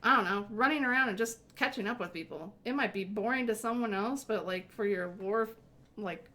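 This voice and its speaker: A woman's voice: medium pitch, fairly quick, bright, forceful tone. A woman hosting a casual chat, talking loosely with lots of fillers and restarts. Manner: rambling, many fillers and restarts. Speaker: host.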